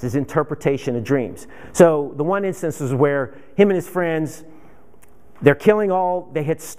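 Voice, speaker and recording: A man's voice: fairly high pitch, warm tone, clean tone. A man teaching a men's Bible study in an informal, conversational way, asking rhetorical questions and acting out the voices from the scripture.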